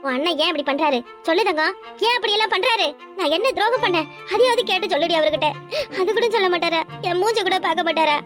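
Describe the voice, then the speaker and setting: A woman's voice: extremely high pitch, expressive, quick pace, music in the background. A woman voicing a distraught young wife in a Tamil cartoon, wailing and accusing in a southern Tamil accent. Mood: anguished. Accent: southern Tamil Nadu.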